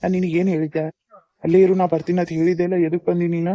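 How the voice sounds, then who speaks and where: Cartoon older brother, kind and protective, North Karnataka accent, monotone, dry sound; male actor. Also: sits high, fast, no echo, lo-fi sound, natural voice. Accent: North Karnataka Kannada. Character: young man, caring older brother. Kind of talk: cartoon voice acting.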